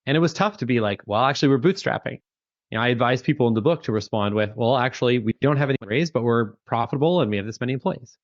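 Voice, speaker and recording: Speaking fast in a medium-pitched voice, a Canadian man in his thirties, a startup founder, gives a casual, chatty interview peppered with fillers and false starts. There's no echo, just dry, dull lo-fi call sound.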